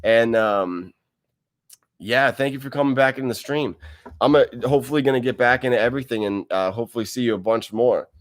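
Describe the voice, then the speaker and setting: Reading viewer comments on his casual home livestream, this man rambles in a laid-back way and laughs a lot. He's close to a desk mic in a wide room. His voice is mid-range and fairly quick.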